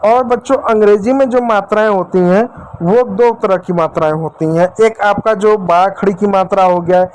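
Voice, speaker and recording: Guy teaching kids english, pretty high voice, keeps checking "ok?". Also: moderate pace, darkish tone, smooth. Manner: addresses children directly, repeats and checks with "ठीक है". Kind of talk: classroom-style lesson for children.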